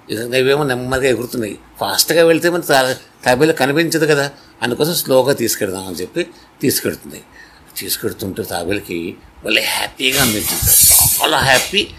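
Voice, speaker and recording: A man's voice: on the low side, creaky, a bit bright, slight background noise. A man telling a moral story to young children in a chatty way, often checking in with his listener.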